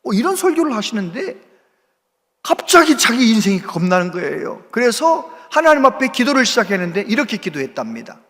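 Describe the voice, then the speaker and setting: A man preaches a sermon in a big church, his pitch swinging wide as he tells a story. His voice sits high for a man and rises and drops sharply. A long hall reverb trails every phrase. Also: very animated, brisk, fairly bright tone. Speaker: pastor. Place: large church sanctuary.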